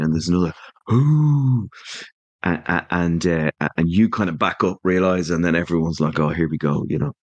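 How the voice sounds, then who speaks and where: A man's voice: sits low, no room sound. A man narrating as game master and setting scenes loosely and descriptively.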